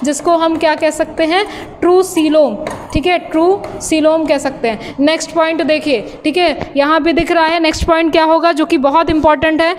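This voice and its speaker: A woman biology teacher lectures in a very high voice. She repeats key terms and asks the class quiz-style questions. Her voice rings with a long reverb. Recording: long reverb and faint background hiss.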